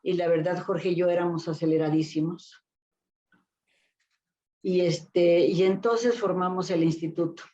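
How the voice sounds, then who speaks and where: An older Mexican woman, a guest therapist, recalls her career in a casual interview with a lowish, dark, mellow voice. Her tone is steady and her pace a little slow, with long pauses, and she rambles with lots of fillers and restarts. The sound is dull and lo-fi.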